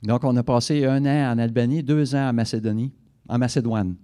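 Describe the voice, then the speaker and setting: A man's voice: mid-range voice, fairly even intonation, fairly quick, warm tone. A man interpreting a guest speaker's talk into French for a church congregation, fluent with occasional self-corrections. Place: church service.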